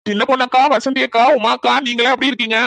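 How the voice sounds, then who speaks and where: A woman's voice: fairly high pitch, steady tone, rapid-fire, gravelly, fairly bright tone, dry recording. A woman voicing a cheerful young man in a cartoon who has come home from abroad and reassures his mother.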